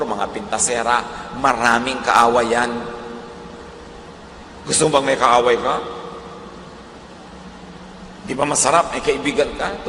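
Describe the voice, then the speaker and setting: A man with a Filipino accent preaching a sermon in a lively way, going from soft lines to loud emphatic ones and acting out quoted speech. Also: mid-range voice, slight background noise. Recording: roomy echo with long reverb, faint ambience.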